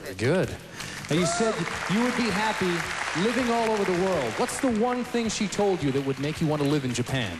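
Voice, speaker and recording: High-pitched man hosting a pageant. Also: sing-song, a little fast, hardly any pauses. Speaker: pageant host. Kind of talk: live stage interviewing. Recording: echoey stage, loud music and crowd.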